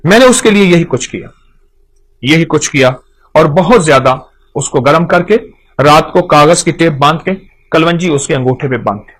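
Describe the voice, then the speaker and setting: A man's voice: fairly high pitch, animated, normal speed, fairly bright tone. A man gives an earnest, instructive talk on home remedies, repeating his key points for emphasis. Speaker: folk remedy speaker.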